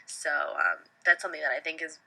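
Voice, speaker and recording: Young woman, Long Island accent, low pitch, very bright and sharp tone, informal student monologue, earnest, hesitant. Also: big pitch swings, brisk. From Long Island, New York, United States. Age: young adult. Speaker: college student. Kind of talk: reflective personal monologue.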